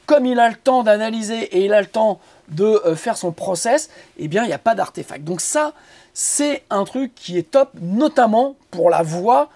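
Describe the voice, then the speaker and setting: Rambling, halting man, mellow voice. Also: sits high. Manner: rambling, halting with many fillers and repeated words; joking asides. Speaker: music producer teaching audio mixing. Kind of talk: casual video tutorial.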